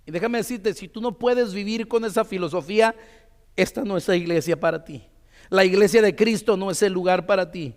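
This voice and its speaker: A man's voice: high voice, brisk, in a large hall. A man pastor preaching a sermon in a church, conversational, full of fillers and tag questions. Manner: tells a story with many "dice" quotes.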